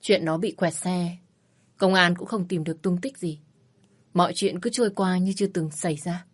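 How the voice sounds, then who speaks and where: A woman reading a first-person story in a measured, plain storytelling manner. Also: lowish voice, slightly rough. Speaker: narrator.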